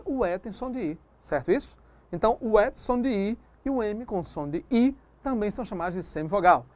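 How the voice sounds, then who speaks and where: A woman's voice: medium pitch, a little mellow, no echo. Woman teaching a grammar class on video, voice goes up and down a lot, keeps asking if you got it. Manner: didactic, checks understanding with tag questions. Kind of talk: recorded video lesson on phonetics.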